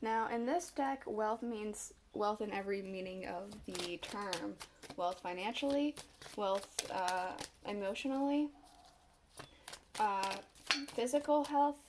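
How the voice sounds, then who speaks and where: A woman with a congested voice, recovering from a cough, giving a casual tarot reading with halting pauses. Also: mid-range voice, background noise. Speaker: tarot reader.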